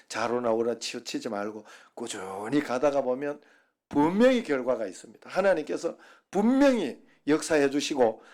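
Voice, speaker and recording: A man's voice: on the high side, a little mellow. A middle-aged man preaching a Sunday sermon, folksy and humorous, telling dialect jokes to the congregation. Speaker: pastor.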